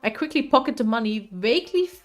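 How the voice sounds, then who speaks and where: A woman's voice: fairly high pitch, animated, fast, faint music behind. A young woman streamer reading a visual novel aloud, playful and chatty, laughing often.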